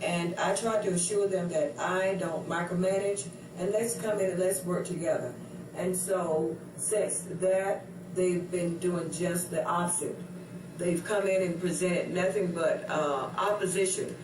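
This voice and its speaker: Male mayor, measured interview answers, high voice, noisy distant recording. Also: fairly even intonation. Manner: measured, explanatory, with fillers. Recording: echoey room from far off, noisy.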